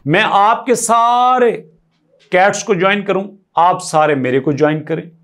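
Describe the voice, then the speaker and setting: A man's voice: high-pitched, a little slow, a bit bright. A man talks viewers through a screen tutorial in a voice-over. He tallies numbers step by step, repeats his points and keeps urging them to listen closely. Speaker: crypto tutorial YouTuber.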